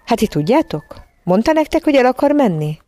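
A woman's voice: on the high side, big pitch swings, dark tone, no room sound, voice pushed up. A woman voicing an indignant middle-aged mother who rants in exasperation in a storybook reading. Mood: alarmed. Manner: exasperated, ranting.

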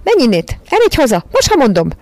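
A woman's voice: big pitch swings, darkish tone, no echo. A woman voicing a haughty, fussy lady who scolds and wails over her dog in a storybook reading. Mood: scolding. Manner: shrill and wailing, theatrical.

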